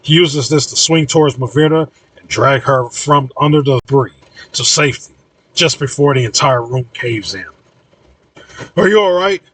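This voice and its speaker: Male author-narrator, casual audiobook read, husky, slightly distant. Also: medium pitch, moderate pace, a bit bright, dry recording. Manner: casual, slightly stumbling reading. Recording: voice a bit far from mic.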